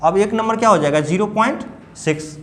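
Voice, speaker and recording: A man's voice: high-pitched, brisk, a bit bright. A man teaching a math lesson to children, patiently repeating numbers step by step and asking them questions.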